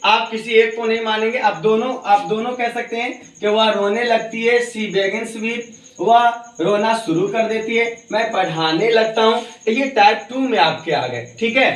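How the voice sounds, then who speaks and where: A man's voice: high-pitched, normal speed, few pauses. A man teaching an English grammar lesson, drilling example sentences over and over and calling his students his dear children. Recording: echoey room, voice from far off.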